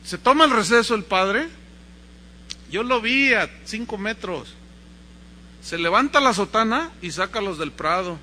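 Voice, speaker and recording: A man with a Mexican accent preaching a sermon, telling a story in a lively way and acting out the voices. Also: high voice, a little slow, long pauses, slight background noise. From Mexico, Guadalajara. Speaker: pastor.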